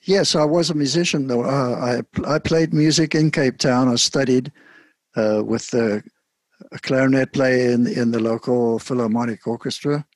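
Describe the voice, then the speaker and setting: An older man from South Africa, a saxophonist interviewed about his life in music, speaking softly and haltingly with many pauses. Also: mid-range voice, steady tone, no echo. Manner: soft-spoken, halting with frequent pauses. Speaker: guest saxophonist. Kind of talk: casual interview.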